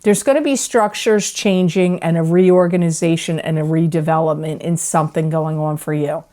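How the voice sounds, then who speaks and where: A woman's voice: low voice, steady tone, moderate pace, mellow. A middle-aged woman giving a casual tarot reading, rambling with many fillers and restarts. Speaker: psychic tarot reader.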